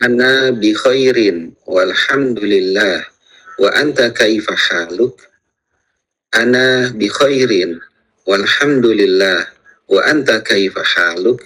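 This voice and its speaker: Guy student echoing the drill lines, bright voice, drags every word out slow. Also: on the low side. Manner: slow, drawn-out repetition. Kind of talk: repeating drill phrases.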